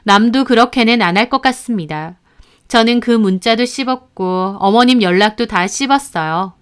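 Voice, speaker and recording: A woman calmly narrating a first-person story in a scripted way. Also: medium pitch, clear, resonant tone.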